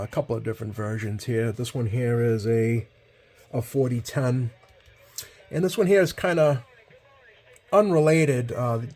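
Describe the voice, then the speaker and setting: Indoors at a workbench, a man who collects CB radios hosts a casual, hands-on product demonstration. His medium-pitched voice is a little mellow, and he rambles hesitantly, often correcting himself.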